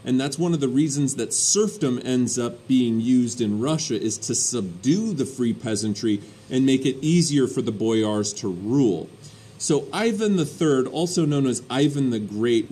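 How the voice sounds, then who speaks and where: A male history teacher giving a recorded lecture in a conversational way, often pausing with ums and uhs. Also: medium pitch, dark tone.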